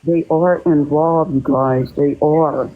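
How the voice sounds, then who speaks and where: A woman's voice: low-pitched, fairly even intonation, takes it slowly. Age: unknown. Sex: woman. Role: caller on a live stream. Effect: muffled, as if heard through a wall. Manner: keeps her voice down at work. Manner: talking quietly so as not to be loud at work. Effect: muffled phone audio, as if through a wall. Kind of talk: casual chat on a live stream. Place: at her workplace. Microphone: phone. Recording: dull, muffled phone audio.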